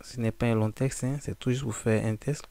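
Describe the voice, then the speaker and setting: A man giving a casual, informal software walkthrough, addressing the listener directly with frequent fillers. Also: mid-range voice, fairly even intonation, a little fast, gravelly. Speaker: software tutorial presenter. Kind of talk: casual screen-recording walkthrough.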